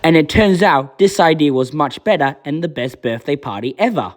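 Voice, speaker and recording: A man's voice: a little high, animated, moderate pace. A man with a slightly raised voice talks straight to his viewers in casual video commentary. He lays out his argument point by point in an earnest, explanatory manner, sometimes slipping into quoted lines. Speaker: channel host reviewing a children's show episode.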